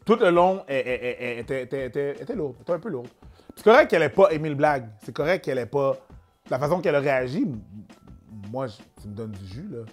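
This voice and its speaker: A man's voice: mid-range voice, quick pace, soft background music. A young man with a Québécois French accent, talking casually as a comedian being interviewed and slipping in English phrases. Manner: relaxed, slips in English phrases. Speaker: comedian guest.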